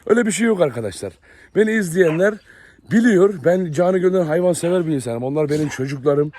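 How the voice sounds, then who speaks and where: A man's voice: fairly high pitch, lively intonation, fast talker, a little mellow, slight background noise. A man casually chatting to viewers while walking around his outdoor dog yard and kennels. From Turkey. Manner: chatty, addresses viewers often. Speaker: dog breeder vlogger. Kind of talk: casual chat to camera.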